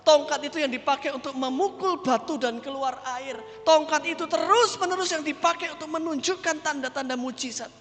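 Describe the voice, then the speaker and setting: A man's voice: very high-pitched, a little fast, hardly any pauses, fairly bright tone. A pastor with a Javanese accent preaching an impassioned sermon to his congregation. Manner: impassioned, exhortative, frequent audience address. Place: church sanctuary. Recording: church hall reverb, faint music.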